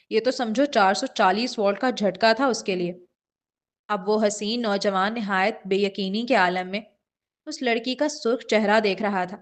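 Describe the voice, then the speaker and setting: A woman reading a romance novel aloud as audiobook narration, steady and smooth. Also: mid-range voice. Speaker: novel reader.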